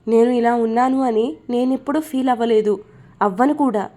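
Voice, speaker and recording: A woman's voice: fairly high pitch, moderate pace, mellow, close to an everyday voice. A woman voicing a teasing, romantic young husband in a love story, in a playful, coaxing storytelling delivery. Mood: earnest.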